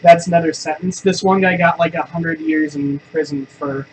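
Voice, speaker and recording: High-voiced male podcast co-host. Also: fairly even intonation, normal speed, slight background noise, poor audio. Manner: chimes in with short agreements and counterpoints. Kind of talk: casual chat.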